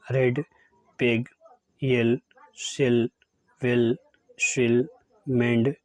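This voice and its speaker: A man's voice: mid-range voice, flat delivery, extremely slow, no room sound. A man teaching English spelling and pronunciation rules, explaining each rule and then reading out example words one by one. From India.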